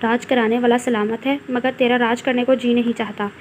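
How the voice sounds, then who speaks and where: A woman's voice: a little high, little pitch movement, fairly quick, a little hiss or hum, close to an everyday voice. A woman reading the lines of a brooding, bitter young village man in a read-aloud story. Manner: bitter, sulky retorts.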